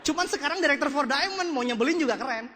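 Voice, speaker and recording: A man's voice: very high-pitched, animated, fast talker. A man with a Jakarta colloquial accent giving a comic, self-mocking motivational seminar talk, acting out voices as he tells his story. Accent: Jakarta colloquial Indonesian. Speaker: motivational speaker. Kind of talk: animated seminar talk to a live audience. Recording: echoey hall with faint noise.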